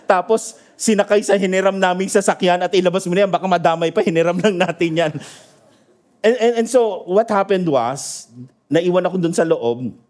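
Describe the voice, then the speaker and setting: A man preaching a sermon in a lively storytelling manner, often asking his congregation for an amen and laughing at his own stories. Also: high-pitched, normal speed. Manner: asks the congregation for agreement. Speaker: pastor. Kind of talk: sermon mixing Tagalog and English. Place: church.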